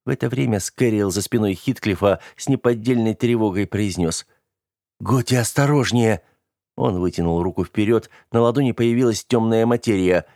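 A man reading a first-person story aloud in a steady, measured way. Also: lowish voice, no echo, studio quality. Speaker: audiobook narrator. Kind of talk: first-person scripted narration.

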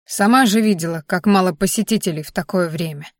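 A woman voicing an elderly father-in-law who talks briskly, grumbles and reassures, in an audiobook. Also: on the low side, no echo, studio quality, close to an everyday voice. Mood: gruffly reassuring. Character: elderly male father-in-law, gruff but caring.

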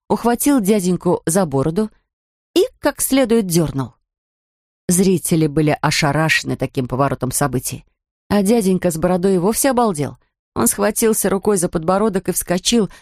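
A woman narrating a children's story in an expressive, steady reading style. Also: medium pitch, dry recording, studio quality. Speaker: audiobook narrator.

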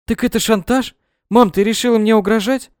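A man's voice: high-pitched, fairly even intonation, a little fast, darkish tone, clean tone, dry recording, studio quality, voice pushed up, natural voice. A man voicing a young woman, an anxious, indignant daughter. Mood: upset.

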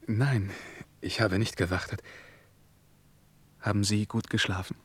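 A brooding young lieutenant in a vintage radio play. His voice sits low with a husky edge. He speaks earnestly and with feeling, and sometimes sinks to a soft murmur. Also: steady tone, a little slow. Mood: tender. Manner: earnest, emotional, at times softly murmured. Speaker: lead character and first-person narrator. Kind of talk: 1950s German radio play acting.

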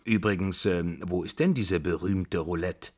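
Reading a radio drama aloud, a man voices a bossy 75-year-old grandmother who scolds and issues orders. His low-pitched voice stays unhurried, yet the tone is loud and commanding.

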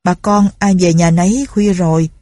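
A woman's voice: lowish voice, steady tone, moderate pace, dark tone, no room sound, studio quality, soft background music, lightly acted. A woman voicing a timid, frightened old male servant who frets and pleads. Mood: gruff. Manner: pleading, fretful.

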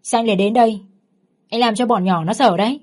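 A woman's voice: a little high, fast talker, darkish tone, natural voice. A woman voicing a grieving elderly grandmother who speaks in a weary, reproachful way.

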